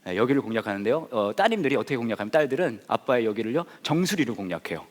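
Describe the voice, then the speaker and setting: Man, pastor, humorous sermon, storytelling, quick delivery, lively pitch. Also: in a large hall. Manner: animated, jokey, acts out voices.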